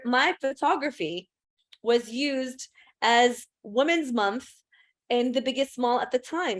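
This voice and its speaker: Woman in her 30s giving a photo class, chatty and self-deprecating, lots of ums. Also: a little high. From United States and United Kingdom. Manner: chatty, self-deprecating, many fillers and restarts. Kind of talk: casual presentation talk.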